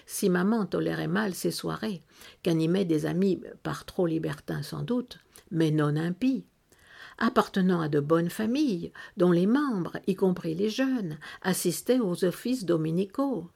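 A woman reading a literary novel aloud in an expressive storytelling manner, with sharp rises on key words. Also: on the low side, unhurried, gravelly, breathy edge. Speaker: narrator.

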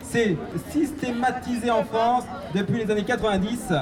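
A man hosting a public quiz at an outdoor gathering, animated and upbeat, calling out answers to the crowd. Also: very high-pitched, moderate pace, over music. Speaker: quiz host at a rally. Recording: distant outdoor recording with a crowd.

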